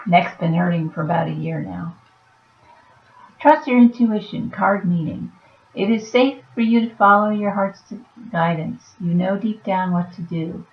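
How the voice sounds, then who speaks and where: Low, weak-voiced woman reading oracle cards. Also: measured pace. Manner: soft-spoken, reads then comments offhand. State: weak, fading voice. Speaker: oracle card reader. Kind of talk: reading cards aloud with casual asides. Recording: roomy, dull lo-fi sound.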